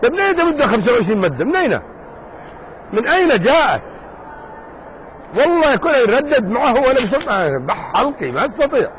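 A man teaching a jurisprudence lesson in a mosque circle, talking casually and lively, joking with his students and firing rhetorical questions at them. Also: very high-pitched, fast talker, pauses often, a little hiss or hum, rough recording. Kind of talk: informal classroom lesson.

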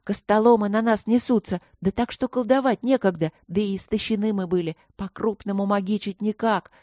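A brash young dwarf mage girl, as a woman reader puts her on, tipsy and excitable, talking loudly and well above the reader's own pitch. Her words slur a bit, and the sound is dry and close. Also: a little fast, no echo, natural voice. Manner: high, loud, excitable, slurring.

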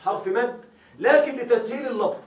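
A man's voice: extremely high pitch, a little fast. A man teaching Arabic grammar to a class, often checking that his students follow and repeating key words as questions for them to answer. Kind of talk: classroom lecture. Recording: roomy classroom audio from a distant mic.

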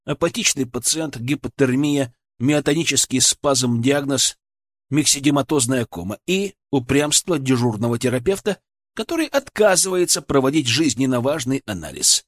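Animated male audiobook narrator. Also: mid-range voice, normal speed, no room sound, clean studio sound. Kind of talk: first-person audiobook narration.

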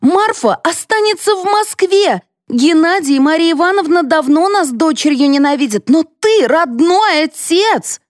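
A woman reading an audiobook, voicing a quick-tempered, indignant mother in a high, sharp voice. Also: animated, no room sound, clean studio sound. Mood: shouting.

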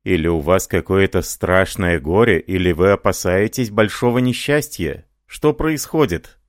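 A man's voice: sits low, measured pace, no room sound, studio quality. A man playing an ardent, devoted young French lieutenant who speaks fervently and pleadingly.

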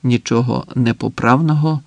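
A man narrating a literary novel as an audiobook, reading in a measured, unhurried way with long pauses. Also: medium pitch, vocal fry, dry recording.

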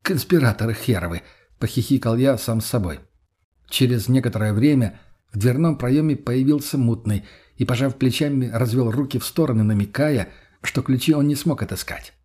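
A man narrating an audiobook in the first person, steady storytelling in a husky voice. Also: medium pitch, moderate pace.

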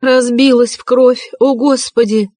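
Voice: medium pitch, measured pace, a little mellow, no room sound, voice pushed up, natural voice. A reader voicing a desperate young woman, urgent and pleading, in an audiobook reading.

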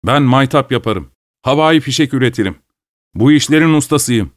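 A man's voice: medium pitch, lively intonation, a little fast, dry recording, studio quality, natural voice. A man voicing an angry male customer who hurls insults at a shoemaker, in a storybook reading. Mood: furious. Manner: yelling insults. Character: furious male customer, a fireworks maker.

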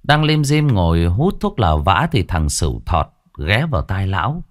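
Deep-voiced male ghost story narrator. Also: big pitch swings, moderate pace.

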